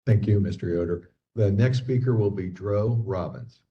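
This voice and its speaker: Low-voiced meeting chair on a group call. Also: male voice, moderate pace, lo-fi sound. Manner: brief, procedural. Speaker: meeting chair calling public speakers. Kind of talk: formal meeting moderation.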